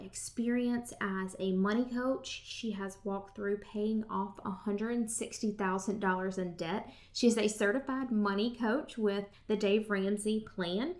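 Chatty Southern woman hosting a podcast. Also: mid-range voice. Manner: chatty and friendly, speaks straight to listeners. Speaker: podcast host. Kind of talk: casual podcast introduction.

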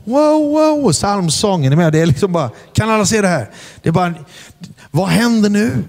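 Animated preacher man in a reverberant hall. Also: high-pitched, gravelly. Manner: animated, asks the crowd "are you with me?"; shouts acted quotes in English. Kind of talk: storytelling sermon. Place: church hall before a congregation.

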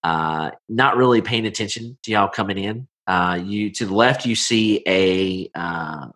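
Guy running a tabletop rpg, low voice, halting casual narration, folksy. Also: fairly bright tone. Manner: informal, halting, folksy "y'all". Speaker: game master. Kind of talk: improvised tabletop game narration.

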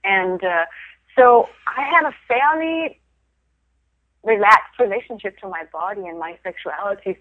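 Over a tinny phone line, a middle-aged woman from Denmark, a photographer of women, talks reflectively as a casual interview guest. Her voice is medium-pitched and the recording dry. She frequently laughs and starts her sentences over.

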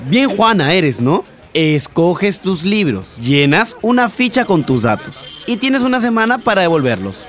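A dry, teasing student guide. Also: male voice, high-pitched, sing-song, measured pace, a bit bright, full character voice. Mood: explaining, teasing. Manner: explaining, sarcastic asides. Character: young male student, patient guide, dryly teasing. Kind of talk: radio comedy drama.

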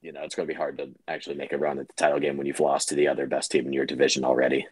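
A man co-hosting a podcast in casual sports chat, measured and analytical. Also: extremely low pitch, level tone, breathy edge, no room sound. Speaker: podcast co-host.

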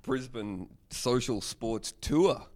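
A man's voice: medium pitch, takes it slowly, darkish tone. A man with an Australian accent in casual banter, talking in a blokey, slangy, sweary way. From Queensland, Australia.

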